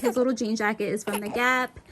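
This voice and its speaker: A woman's voice: a little high, steady tone, brisk, heavy background noise. A young woman from Queens, New York, with a New York accent, chatting in a rambling, casual way as she vlogs her errands. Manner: chatty and rambling, talks straight to her followers. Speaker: vlogger. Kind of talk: casual shop-along vlog.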